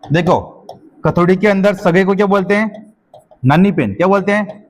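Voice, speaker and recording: Man dictating a class lesson. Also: high-pitched. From Rajasthan. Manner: repeats each point slowly for students to copy, checks with "है ना?". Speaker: teacher. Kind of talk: exam-prep dictation lecture.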